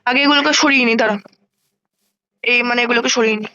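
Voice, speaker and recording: High-voiced woman chatting through a game. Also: fairly even intonation, no echo, lo-fi sound. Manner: chatty, thinks aloud and counts blocks out loud; quick exclamations and mild swearing when surprised. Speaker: gaming channel host. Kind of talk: casual gameplay commentary.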